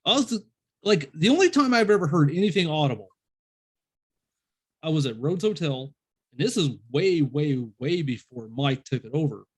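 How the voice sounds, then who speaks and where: Chatty higher-voiced man telling stories. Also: big pitch swings, normal speed, slightly rough. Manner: rambling storyteller, acts out quoted voices. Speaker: podcast host. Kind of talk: casual interview chat.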